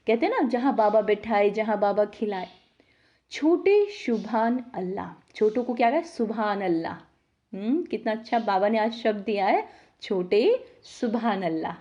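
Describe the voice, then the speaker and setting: A woman giving a devotional sermon on the daily lesson, lively, asking her listeners questions and answering them herself. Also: on the high side, highs cut off. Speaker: spiritual teacher explaining the daily lesson. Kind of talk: devotional sermon, explaining a scripture reading.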